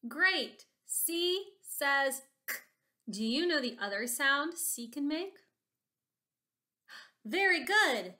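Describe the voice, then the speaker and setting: A woman's voice: sits high, sing-song, takes it slowly, pauses often, bright, forceful tone. A woman teacher leading a phonics lesson, talking simply and encouragingly as if to a small child. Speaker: kindergarten teacher.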